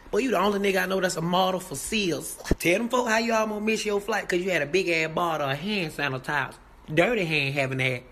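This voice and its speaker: A man's voice: high-pitched, bright, forceful tone, a little hiss or hum. A man trading roast insults in a mocking, trash-talking way.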